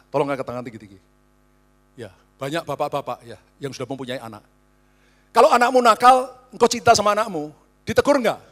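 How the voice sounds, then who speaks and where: A middle-aged man from Indonesia preaching a sermon as a pastor, swinging between loud emphasis and hushed asides. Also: a little high.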